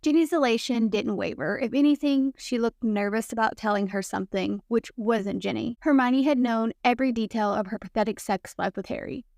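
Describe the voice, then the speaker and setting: A woman's voice: fairly high pitch, a little fast, vocal fry, hardly any pauses, darkish tone, no echo, clean studio sound. Woman narrating a fanfic audiobook.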